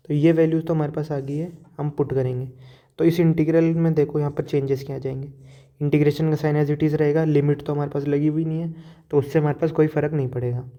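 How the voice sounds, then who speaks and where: Guy teaching integration problems, explains every step, pretty monotone, kinda lo-fi audio. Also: on the high side. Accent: Hindi-speaking Indian. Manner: explanatory, mixes English math terms into Hindi. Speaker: math teacher. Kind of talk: whiteboard lecture, step-by-step explanation.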